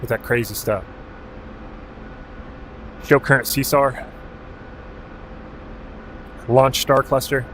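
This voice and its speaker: This gaming livestream features a man from Alaska flying a helicopter game, swearing casually as he calls out clock directions and ranges. He speaks slowly at a medium pitch and pauses often, with a little hiss or hum in the background.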